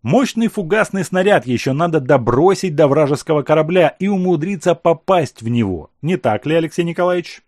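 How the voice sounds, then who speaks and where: A man reading as a calm commanding emperor. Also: a little high, dry recording, studio quality. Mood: instructive. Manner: measured, commanding, explaining. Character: calm authoritative male emperor, questioning and instructive.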